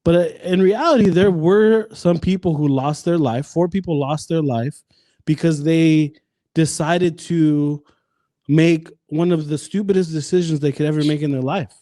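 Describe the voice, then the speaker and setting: A man's voice: on the high side, normal speed, mellow, no room sound. A man in his twenties, a podcast guest in casual chat, rambling with many restarts and swearing freely. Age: 20s.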